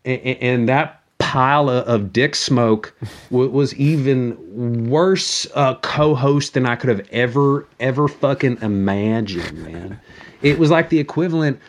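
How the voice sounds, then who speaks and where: A man with an average-pitched voice rambles through a profane comic monologue. He is crude and foul-mouthed, often stammering and repeating words as he gets to his point. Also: measured pace.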